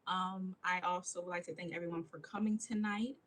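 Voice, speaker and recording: A woman's voice: fairly low pitch, fairly even intonation, fairly quick, fairly bright tone, low-quality recording. A young woman from Buffalo, New York, giving a hesitant student campaign speech full of ums. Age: young adult. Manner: hesitant, many fillers. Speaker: student candidate.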